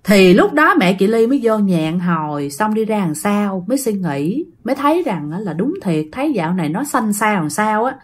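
A woman's voice: medium pitch, sing-song, normal speed, few pauses. A woman with a Southern Vietnamese accent telling a ghost story in a chatty, casual way and talking straight to her listeners. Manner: chatty, addresses listeners directly.

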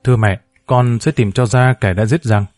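A man's voice: medium pitch, fairly even intonation, moderate pace, darkish tone, dry recording, clean studio sound, close to an everyday voice. A man voicing a choked-up grieving young man. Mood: sorrowful. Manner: sad, choked voice.

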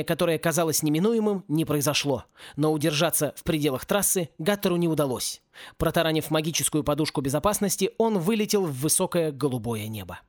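A man's voice: on the high side, no echo. Male audiobook reader, dry and close. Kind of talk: audiobook narration.

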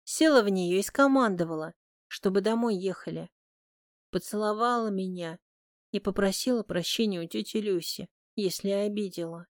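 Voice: medium pitch, animated, normal speed, clear, resonant tone, no room sound, studio quality, voice pushed up, natural voice. A reader voicing a cheeky kid sister. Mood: tearful. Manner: teasing, then tearful and scolding. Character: teenage girl, cheeky little sister. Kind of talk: audiobook character voice.

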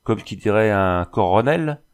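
A man's voice: lowish voice, animated, unhurried. A man reading a boastful, fussy French army dragoon in an audiobook, raising his voice for the role. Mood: brash. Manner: fussy, keeps repeating a title.

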